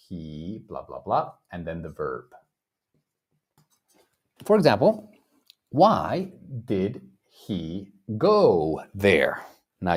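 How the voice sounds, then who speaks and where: Slow, animated man teaching English. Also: lowish voice, husky. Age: 30s. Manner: encouraging, praises students often; repeats and drills phrases. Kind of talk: live online language lesson.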